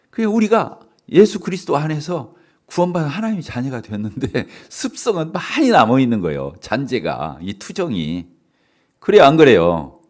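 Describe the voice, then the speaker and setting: A middle-aged male pastor giving a sermon in a church, animated, asking the congregation questions and laughing often. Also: mid-range voice. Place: church sanctuary.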